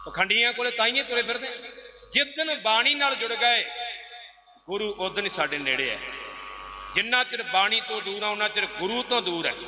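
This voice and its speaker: A young male Sikh preacher with a Punjabi accent and a high, ringing voice. He chants scripture slowly, then explains it with firm emphasis. The voice carries a long reverb, as in a hall. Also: animated. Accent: Punjabi (Majha). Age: young adult. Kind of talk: religious discourse with chanted scripture.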